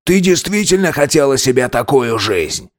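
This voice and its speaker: A man voicing a domineering older father in an audiobook, slow, cold and contemptuous. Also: medium pitch, very animated, pitched above the performer's own voice, close to an everyday voice. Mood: scornful. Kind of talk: audiobook character voice.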